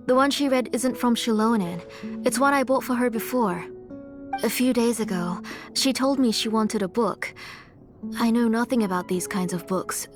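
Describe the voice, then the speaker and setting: A woman's voice: fairly high pitch, lightly acted. A woman playing an earnest, devoted auntie who blames herself, in a video game. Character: earnest, self-blaming, devoted older auntie. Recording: music behind the voice.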